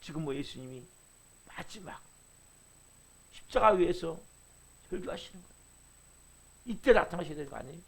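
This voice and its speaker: A middle-aged male pastor preaching a sermon with impassioned swells and sudden quiet drops. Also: a little high, expressive, normal speed, long pauses.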